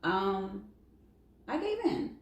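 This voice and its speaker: A middle-aged woman in casual chat, explaining haltingly with many you-knows. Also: mid-range voice, very animated, creaky. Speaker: parent co-host. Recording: echoey room with faint noise.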